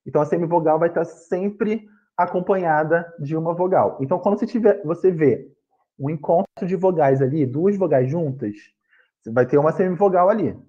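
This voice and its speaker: A man's voice: a little high, fairly quick, dark tone, highs cut off. A man with a Brazilian Portuguese accent teaching an online grammar lesson over a video call, explaining patiently, repeating points and correcting himself.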